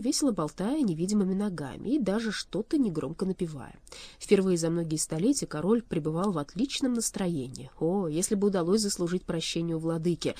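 Женщина читает сказку, голос пониже, много интонации, сухо. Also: female voice, on the low side, dark tone, dry recording. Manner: storyteller's rising and falling tone. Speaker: narrator. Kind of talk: expressive fairy-tale reading.

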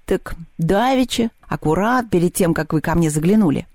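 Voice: medium pitch, animated, moderate pace, darkish tone, no echo, natural voice. A reader doing a folksy old house spirit. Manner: folksy, kindly, old-fashioned words.

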